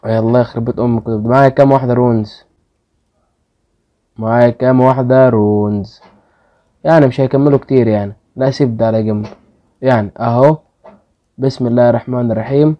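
A man's voice: mid-range voice, steady tone, rapid-fire, dull audio. A man with an Egyptian Arabic accent hosting a casual gaming video, pleading with his luck and grumbling when the results go badly. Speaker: gaming channel host.

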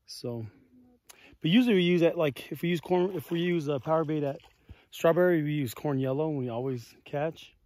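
A man's voice: a little high, moderate pace, darkish tone, dry recording. A man in his forties chatting casually and rambling a little, filming himself with a phone at arm's length on a mountain lakeshore. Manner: laid-back, rambling, peppered with fillers. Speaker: vlogger on a family fishing trip. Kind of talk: casual explanatory chat.

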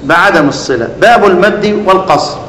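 A man's voice: sits high, animated, brisk, fairly bright tone. Egyptian male teacher, quizzing style, faint room noise, roomy hall sound. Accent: Egyptian Arabic. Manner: asks students leading questions, then answers them. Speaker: Quran recitation teacher. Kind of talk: classroom lesson. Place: lecture hall.

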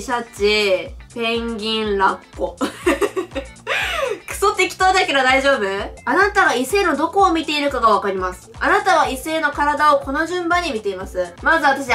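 A woman's voice: high-pitched, lively intonation, normal speed, pushed and bright, faint music behind. A young woman from Japan playing a mobile quiz game, reading the questions aloud and reacting with chatty, giggly, blunt comments. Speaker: game streamer. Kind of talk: casual playthrough commentary.

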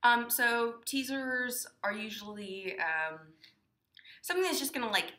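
Bright-voiced teen girl explaining, echoey room. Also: a little high, lively intonation, measured pace. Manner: chatty, many fillers like um and like. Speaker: student competitor explaining dramatic interpretation. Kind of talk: casual instructional talk.

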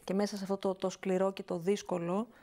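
A woman interviewing her guest, asking gentle and hesitant questions with many pauses. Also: medium pitch, level tone. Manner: soft, hesitant, with many fillers.

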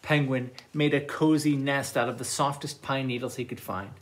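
A man who is a children's librarian, reading picture books aloud at storytime in an animated, expressive voice. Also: mid-range voice, moderate pace.

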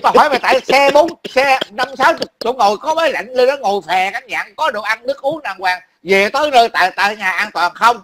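A man with a high, sharp-pitched voice. He rants with angry, profane heat and circles back to the same phrases again and again. Under the fury there is a worn-out, grumbling weariness. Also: lively intonation, fast, few pauses. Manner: angry, profane, repetitive ranting. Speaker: livestream commentator. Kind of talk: heated political rant.

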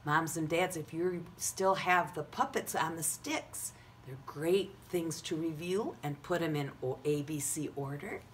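Slow-paced kids' show host woman. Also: deep voice. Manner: sing-song, simple repeated questions addressed to young children. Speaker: preschool teacher. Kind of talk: children's educational lesson, like a kids' show host. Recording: noticeable background noise.

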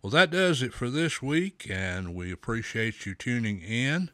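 A man hosting a pipe smoking show, giving slow, folksy advice with a pipe in his mouth. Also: mid-range voice, expressive, bright, forceful tone, no echo, studio quality. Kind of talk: casual talk to camera.

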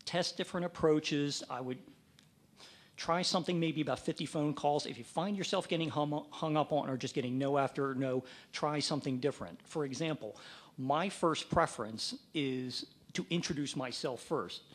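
A man's voice: fairly high pitch, normal speed. A man from the Mid-Atlantic United States giving a practical training talk, acting out sample phone calls. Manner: practical, plain-spoken, role-plays phone calls. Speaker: fundraising trainer.

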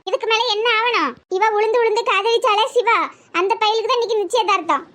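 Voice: very high-pitched, quick pace, pushed and bright. A voice artist playing a blunt, scolding elderly village grandmother with a Tirunelveli Tamil accent in a cartoon comedy.

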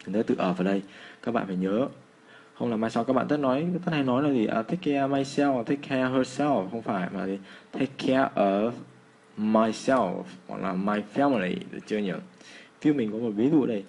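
A man with a Vietnamese accent teaching English phrases in a casual lesson, slowing down to model the pronunciation. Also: fairly low pitch, darkish tone, husky.

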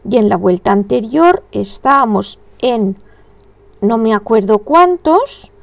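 A woman's voice: a little high, animated, slow, gravelly, no echo. A woman giving a casual crochet tutorial, chatting and thinking aloud as she counts stitches under her breath. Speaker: crochet instructor.

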